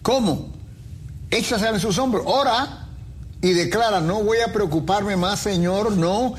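Man preaching on a faith q&a show, kinda high voice, faint hum behind. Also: measured pace. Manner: preachy, uses everyday comparisons. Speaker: pastor co-host. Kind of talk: faith talk show answering questions.

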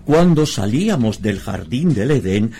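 A man playing a wise, patient old grandfather worm who takes charge, husky, in a children's audio adventure. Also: mid-range voice, sing-song, a little slow, dark tone, faint music behind. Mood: calm, explaining.

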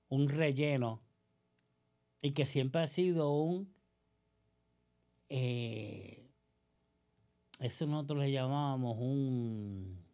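This political commentator has a rumbling low, dark voice and a Puerto Rican accent. Her monologue is combative, sarcastic and accusatory, packed with rhetorical questions.

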